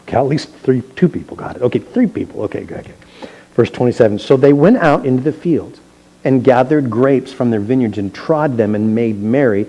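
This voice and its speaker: Brief: male pastor, church Bible study, mellow voice, casual explanatory asides between readings. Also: mid-range voice, animated, a little fast, rough recording. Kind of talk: verse-by-verse Bible teaching. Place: church sanctuary.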